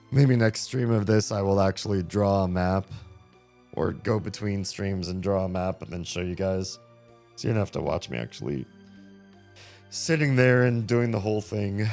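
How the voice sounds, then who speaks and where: His voice sits low, with vocal fry and a darkish tone. He's a streamer in his thirties, losing his voice while he plays a game and chats casually, rambling easily and packing his talk with fillers.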